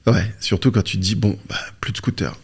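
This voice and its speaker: Born in Morocco and raised in France from age three or four, this man speaks as an interview guest and coach. His voice is fairly low, gravelly and husky, and he talks fairly quickly, explaining things informally through personal anecdotes and rhetorical questions.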